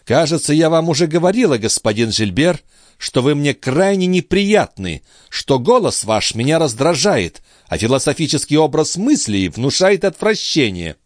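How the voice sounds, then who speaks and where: A man's voice: a little high, very animated, moderate pace, no echo, clean studio sound, voice pushed up. A man reading an audiobook, voicing a proud young noblewoman with a cold, mocking manner. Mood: haughty.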